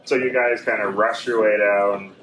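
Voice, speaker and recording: A man with a somewhat low voice runs a tabletop horror session, wandering through his scene descriptions. He sounds distant from the mic. The room is echoey and full of convention chatter. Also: steady tone, normal speed, a bit bright, slight background noise. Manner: loose, meandering scene description. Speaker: game master. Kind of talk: improvised narration of a tabletop horror game.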